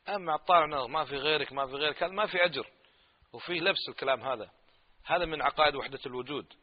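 A man's voice: medium pitch, in a large hall, muffled recording. A male preacher, giving a religious lecture and arguing with a run of mocking rhetorical questions.

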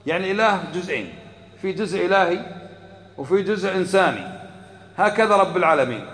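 High-voiced preacher teaching a crowd, keeps quizzing them, big echoey hall. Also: male voice, expressive, fast, fairly bright tone. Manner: calls on listeners to repeat after him and answers his own questions. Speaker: religious teacher. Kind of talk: Islamic lesson to a live audience. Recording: echoey hall with long reverb.

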